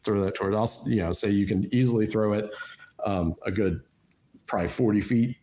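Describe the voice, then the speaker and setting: A man's voice: on the low side, a little fast, mellow, slight background noise. A man running a tabletop role-playing game as game master, explaining rules and describing scenes patiently with many fillers and restarts.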